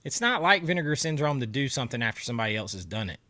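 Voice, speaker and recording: Here a livestream host rattles off rapid-fire, sing-song replies to viewer comments in a mid-range, bright, forceful voice made nasal by congestion. He's got a stuffy nose and sore throat, talks around a cough drop, and laughs through the casual chat; no room sound is heard.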